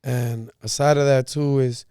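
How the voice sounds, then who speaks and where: A man from South Central Los Angeles with a local accent, a rapper talking in a relaxed way with street slang as a guest. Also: medium pitch, a little slow, clean tone, dry recording, clean studio sound. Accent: Los Angeles English. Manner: relaxed, street slang, says "you know what I'm saying". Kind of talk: casual interview chat.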